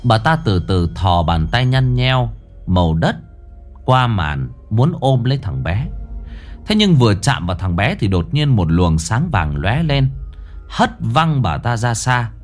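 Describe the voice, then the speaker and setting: Expressive male ghost-story narrator. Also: on the low side, measured pace, faint music behind. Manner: expressive, suspenseful.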